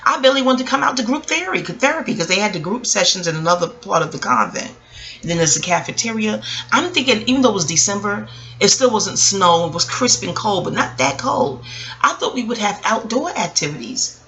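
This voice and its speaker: A woman vlogger in her early forties speaks a little fast in a mid-range voice. She shares a personal story in a rambling, casual, reflective manner, often going off on tangents and animatedly voicing other people's words.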